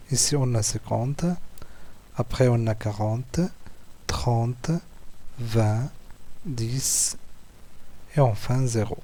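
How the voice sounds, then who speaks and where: A man with an Algerian French accent, walking through written school exercises as a teacher, slowly repeating words and syllables. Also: medium pitch, a little mellow. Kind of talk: slow, patient lesson walkthrough.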